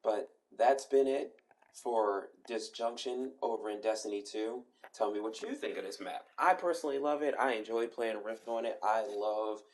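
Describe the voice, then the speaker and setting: A man hosting a casual walkthrough of a game map, chatty and meandering, often restarting his sentences. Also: fairly low pitch. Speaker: host giving a game map tour.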